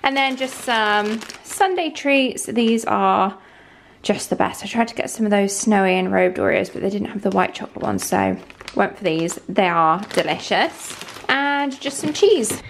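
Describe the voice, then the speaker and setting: Recorded roughly and with slight background noise, this clip has a lifestyle vlogger chatting about her shopping haul, camera at arm's length, from a parked car and then her bedroom. Her mid-range voice is creaky and measured in pace, though her manner stays chatty, rambling and upbeat.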